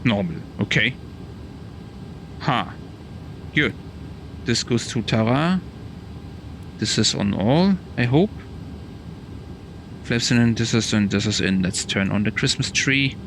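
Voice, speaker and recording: A man's voice: medium pitch, takes it slowly, pauses often. A man giving casual game commentary as a flight sim pilot, thinking aloud and muttering through his steps. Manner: muttering to self through checklist steps, exclaiming mildly. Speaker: flight simulator streamer playing the pilot. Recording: steady noisy cockpit ambience behind. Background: simulated aircraft cockpit hum.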